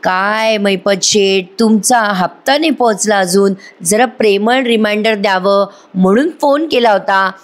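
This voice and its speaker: A woman voicing a nervous, lying corrupt male police inspector with hurried, evasive denials. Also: medium pitch, natural voice. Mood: sly.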